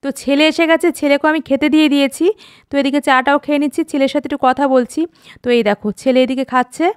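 A woman's voice: sits high, steady tone, rapid-fire, no echo, clean studio sound. A woman in her forties from West Bengal, narrating a chatty home vlog and talking straight to her viewers. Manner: chatty, homely, addresses viewers directly. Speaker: vlogger.

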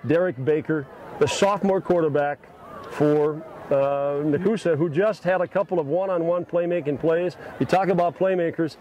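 High-voiced man hosting a post-game show. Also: moderate pace, a little mellow. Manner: upbeat, reads sponsor plugs. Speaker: play-by-play host. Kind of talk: post-game sports commentary. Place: outdoors at a football field at night. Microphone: headset mic. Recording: outdoor noise behind.

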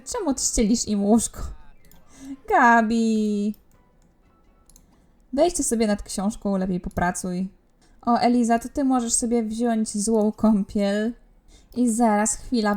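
A woman's voice: a little high, dark tone. Chatty woman bossing game characters. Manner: chatty, bossing the characters around, frequent laughs. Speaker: gaming YouTuber. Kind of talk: casual let's-play commentary.

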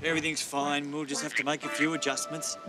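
An actor with an Australian accent playing a calm, caring father who speaks in a gentle, reassuring way. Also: fairly high pitch, fast talker, over music, close to an everyday voice.

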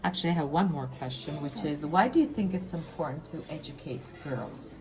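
A woman's voice: low voice, brisk, crowd noise, low-quality recording. An older woman asking interview questions with short encouraging prompts.

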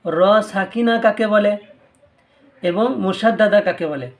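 A man's voice: high-pitched, measured pace. A man with a Bangladeshi Bengali accent teaching Quran recitation rules in a patient tutorial, repeating each rule twice. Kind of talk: step-by-step tutorial lesson.

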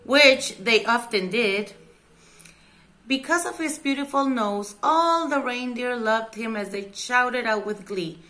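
A woman storyteller reading a children's story aloud, slow and expressive. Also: on the high side.

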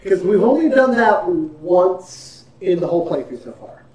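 A man's voice: sits high, animated, measured pace, mellow, recorded from a distance. A man co-hosting a let's-play, chatting and joking while explaining game mechanics. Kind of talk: casual gaming commentary. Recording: echoey room, off-mic, faint hiss.

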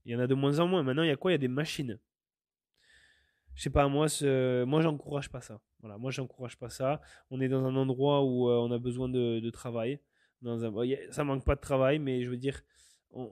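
On his solo podcast, a host from France talks earnestly through his views, often using fillers and starting over. His voice is medium-pitched and a little mellow, captured dry at studio quality.

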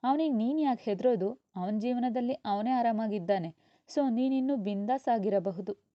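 A woman's voice: on the high side, moderate pace, no room sound, lightly acted. A woman voicing an easygoing young man who talks in a breezy, reassuring way, in a dull, dry recording.

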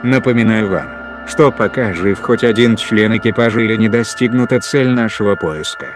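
A man playing a calm, rational ship's computer in a sci-fi audio drama, formal, precise and emotionless. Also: lowish voice, music in the background, natural voice. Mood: calm, consoling. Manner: measured, precise, emotionless announcements.

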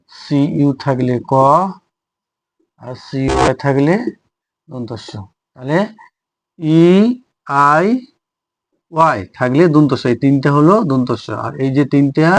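A man's voice: mid-range voice, a little mellow, dry recording. A man teaching pronunciation, repeating each point and checking that students follow. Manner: repetitive, addresses students directly, checks understanding. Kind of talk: slow spoken lesson, spelling words out.

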